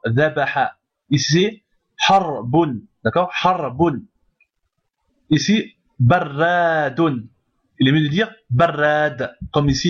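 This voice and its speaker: A man's voice: fairly high pitch, dull audio. A man teaching a step-by-step language lesson, patiently repeating each word and checking that the listener follows. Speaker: Arabic teacher.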